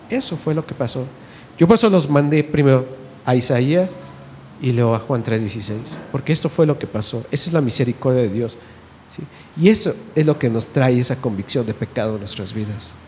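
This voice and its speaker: Man, casual lay preacher, talks to the audience with questions, slow emphatic scripture reading, long hall reverb. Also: medium pitch, mellow, slight background noise. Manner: conversational, asks the audience questions and answers them; reads scripture slowly and emphatically. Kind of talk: informal sermon talk.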